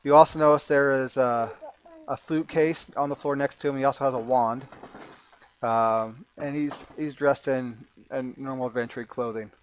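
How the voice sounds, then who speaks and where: Halting game master, muffled recording. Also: male voice, medium pitch, fairly even intonation, a little hiss or hum. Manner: halting, repeats words while thinking. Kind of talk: narrating a tabletop game.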